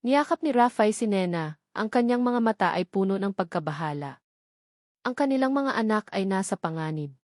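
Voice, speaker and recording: In a studio-quality recording with no room sound, a woman with a Filipino accent reads a dramatic romance story as scripted narration. Her mid-range voice is expressive and darkish in tone, moving at a moderate pace.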